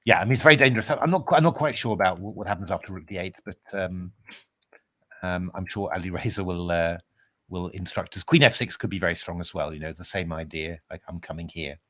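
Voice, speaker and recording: Low-voiced man hesitantly commentating a chess game. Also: fast, fairly bright tone. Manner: hesitant, many fillers and restarts. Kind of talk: casual live game commentary.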